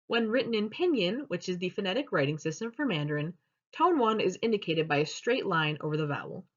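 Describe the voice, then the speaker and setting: Young woman doing a class presentation, explains step by step, lively up and down voice, kinda muffled lo-fi audio. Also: lowish voice, brisk. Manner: explanatory, steady teaching delivery. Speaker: student presenter. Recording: dull lo-fi recording.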